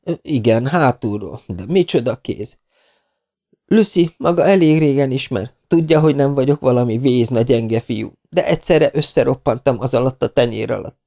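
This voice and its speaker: A man's voice: mid-range voice, vocal fry, dark tone, voice pushed up, natural voice. A man voicing a beaten young man who pleads and groans as he tells what happened, in an audiobook reading. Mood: pleading. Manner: breathless, pleading.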